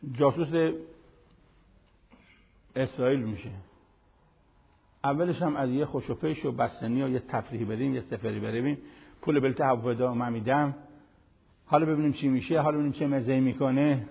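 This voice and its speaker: An older man giving a televised religious lesson, preaching in an animated, conversational way with everyday examples. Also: medium pitch, vocal fry, husky, in a large hall, phone-quality sound. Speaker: Quran teacher.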